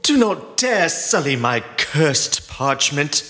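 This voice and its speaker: Woman as Snape, slow brooding teenage wizard boy. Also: low voice, very animated, fairly bright tone, soft background music, voice pushed down, full character voice. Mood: cold rage. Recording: long reverb.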